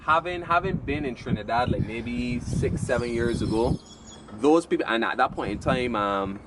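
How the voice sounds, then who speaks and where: A man's voice: mid-range voice, normal speed, background noise. A man with a Bajan accent chatting casually and emphatically, often repeating his phrases for weight. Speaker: panelist on a culture talk show. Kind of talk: casual chat.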